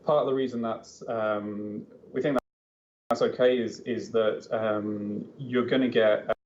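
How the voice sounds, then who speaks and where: A man's voice: on the low side, steady tone, unhurried, darkish tone. English man, developer guest, casual, filler-heavy, slightly dull sound, faint noise. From England. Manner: casual, explaining with many fillers. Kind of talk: live interview answers.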